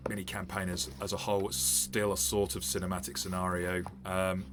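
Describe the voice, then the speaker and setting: Speaking fairly quickly in a low voice with little pitch movement, a tabletop game master and reviewer gives rambling, casual commentary as he unboxes a game set. He uses many fillers and restarts, and the background is noisy.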